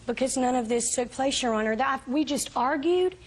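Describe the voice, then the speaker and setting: A woman's voice: sits high, moderate pace, husky. An American woman defendant in a television court, arguing her side insistently and defensively. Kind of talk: spontaneous argument.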